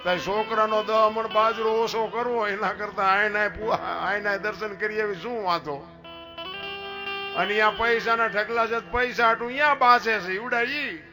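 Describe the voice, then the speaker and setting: High-voiced rustic storyteller. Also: male voice, normal speed, music in the background. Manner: rustic, lively, teasing storyteller who asks the crowd questions. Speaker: folk storyteller. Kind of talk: humorous folk talk to an audience.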